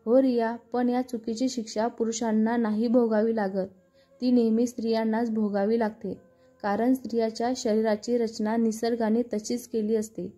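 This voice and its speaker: A woman's voice: on the high side, little pitch movement, moderate pace, mellow, faint music behind, lightly acted. A woman voicing a stern, scolding elder sister. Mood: angry. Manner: scolding, pressing, lecturing.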